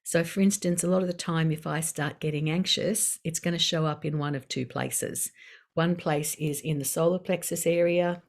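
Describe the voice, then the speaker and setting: A middle-aged woman, calmly and unhurriedly guiding a self-care session with gentle pauses. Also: low voice. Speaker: wellbeing session facilitator. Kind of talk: guided self-care talk.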